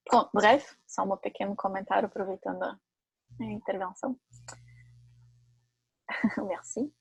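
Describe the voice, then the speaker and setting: Woman teaching French, husky. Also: medium pitch, darkish tone, no room sound. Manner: explains in Portuguese with French examples, corrects herself. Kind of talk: online language lesson.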